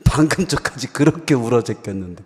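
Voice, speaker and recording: A man's voice: medium pitch, brisk. A man preaching a sermon in a church sanctuary, telling a personal story to the congregation. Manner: animated storytelling, addresses congregation. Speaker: pastor. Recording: long hall reverb.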